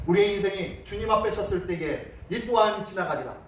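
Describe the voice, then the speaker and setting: A man's voice: sits high, brisk. A middle-aged male pastor preaching a sermon, telling stories and acting out the dialogue. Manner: animated storytelling, acting out dialogue. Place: church sanctuary. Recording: distant mic in echoey church hall.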